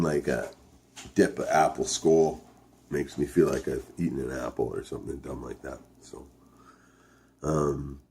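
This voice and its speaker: A man with a very low voice talks at a distinctly slow pace. He sounds like a vlogger in casual chat, rambling and hesitating as he thinks things through out loud. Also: a little hiss or hum. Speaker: video host reviewing dipping tobacco.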